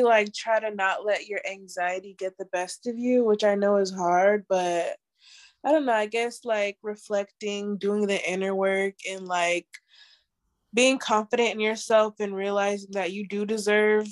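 Woman cohost, kinda unsure, says like and i dont know a lot, giggles. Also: medium pitch. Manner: hesitant, lots of "like" and "I don't know", laughs often. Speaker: podcast co-host. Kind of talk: casual podcast chat.

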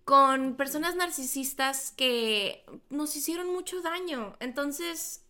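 A young Mexican woman co-hosting a podcast in casual chat, chatty and quick to laugh. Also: high-pitched, bright, forceful tone. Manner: chatty, laughs often, calls listeners "bebés". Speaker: podcast co-host.

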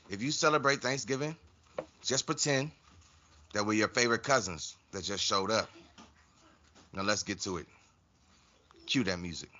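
A man's voice: fairly low pitch, bright, forceful tone, muffled recording. A man hosting a casual podcast, addressing listeners directly. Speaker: podcast host.

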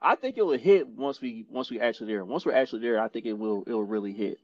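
A man's voice: mid-range voice, lively intonation, quick pace, crowd noise. A man co-hosting a casual sports show, talking in laid-back, slangy bro style and repeating his phrases. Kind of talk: casual sports chat and sponsor plugs. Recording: slightly dull, dry audio.

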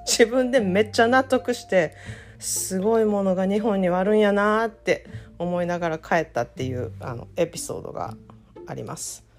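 A woman from Japan with a Kansai accent, hosting a casual solo podcast and telling self-deprecating stories in a chatty, animated way. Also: medium pitch, moderate pace, faint music behind. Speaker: podcast host.

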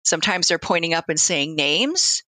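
A woman's voice: lowish voice, animated, moderate pace, pushed and bright, dry recording. A woman speaking as a hospice nurse and interview guest, reflectively sharing anecdotes in conversation and acting out quoted exchanges. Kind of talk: conversational storytelling.

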